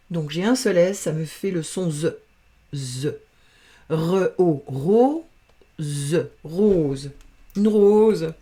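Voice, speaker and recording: A woman teaching reading, patiently sounding out letters and syllables in a slow phonics lesson. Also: on the low side, mellow.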